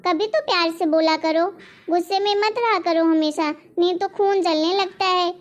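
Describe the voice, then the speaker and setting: A woman voicing a meek, polite young wife in a cartoon, speaking in a soft, pleading, conciliatory way. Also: extremely high pitch, normal speed. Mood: placating. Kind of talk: animated cartoon voice acting.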